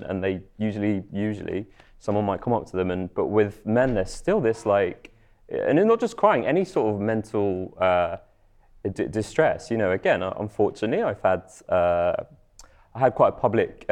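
A man's voice: fairly low pitch, a little mellow. A man speaking candidly about personal experiences as a guest on a discussion panel.

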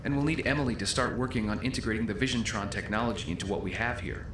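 A man playing a calm, self-assured villainous schemer in an audio drama, talking in a smooth, persuasive, condescending way. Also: medium pitch, normal speed, background noise, natural voice. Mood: businesslike. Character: calm, self-assured male schemer defending his ruthless plan. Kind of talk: scripted audio drama acting.

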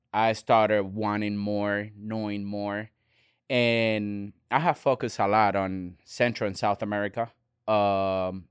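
A man, a restaurant owner talking as a guest in an earnest, halting way with many restarts. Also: on the low side, clear, resonant tone, dry recording, clean studio sound. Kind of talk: casual interview talk.

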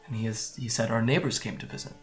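An actor playing a guarded young man from Japan, quietly recounting how he fled home in an audio drama. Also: mid-range voice, steady tone, faint music behind, lightly acted. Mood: somber. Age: young adult. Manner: soft, hesitant storytelling with halting restarts. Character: young man, guarded and wry, recalling his escape. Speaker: interviewee.

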